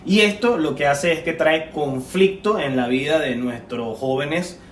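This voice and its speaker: A man's voice: fairly high pitch, a little slow, fairly bright tone, far from the mic. A man co-hosting a casual film podcast, rambling and correcting himself as he goes, laughing often. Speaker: podcast co-host. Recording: echoey room, off-mic, faint noise.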